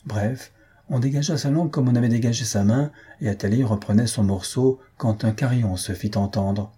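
A man narrating a comic story for an audiobook, steady and even. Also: medium pitch, fairly quick, husky.

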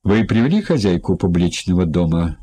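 A man's voice: deep voice, sing-song, a little fast, dark tone, slightly rough, heavily acted. A man playing a stern, commanding older magistrate in an audiobook.

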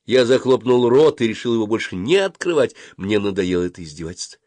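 Male audiobook narrator, low and animated, dry close recording. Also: fast, no echo. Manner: expressive storytelling.

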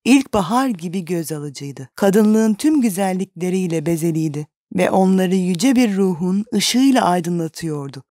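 A woman narrating a classic novel as an audiobook in a calm, measured reading. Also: on the low side, dry recording, studio quality.

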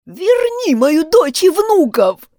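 A woman's voice: on the high side, wildly swooping pitch, a little slow, darkish tone, dry recording, studio quality, pitched above the performer's own voice. A woman voicing a grieving, angry old village grandmother who pleads shrilly and tearfully. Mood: shouting.

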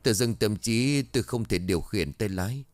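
An uneasy middle-aged husband, confused about what is happening to him, as a male narrator plays him. The voice is low and recorded close with no echo. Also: normal speed, close to an everyday voice.

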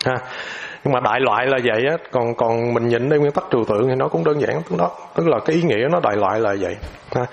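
A man teaching an informal lesson, hesitant, repeating filler words and ending phrases with a soft tag. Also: medium pitch, fast talker, vocal fry, highs cut off.

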